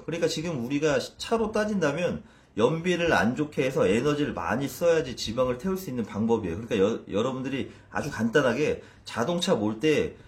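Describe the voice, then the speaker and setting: Male fitness trainer, 30s, animated swinging delivery, casual and self-deprecating, frequent restarts. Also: mid-range voice. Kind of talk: casual explainer video.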